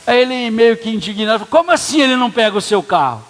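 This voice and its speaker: A man's voice: very high-pitched, lively intonation, quick pace, a bit bright. A man preaching as a pastor, telling a personal story in a casual, conversational way and acting out the dialogue. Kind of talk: sermon storytelling. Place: church hall. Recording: long church reverb.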